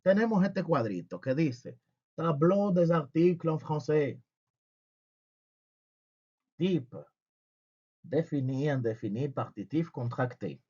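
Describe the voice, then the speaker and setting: A man's voice: fairly high pitch, expressive, takes it slowly, long pauses, dark tone, highs cut off. A man teaching a French lesson with humor, asking and answering his own questions.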